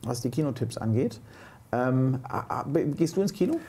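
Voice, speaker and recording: A man's voice: medium pitch, animated, normal speed, dark tone, breathy edge. A man co-hosting a local TV morning show, chatting in a casual, rambling way. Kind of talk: casual studio chat.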